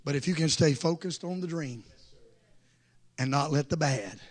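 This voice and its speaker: A man preaching a revival sermon to a congregation, impassioned and building to shouts with repeated refrains. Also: on the high side, moderate pace. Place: church service before a congregation.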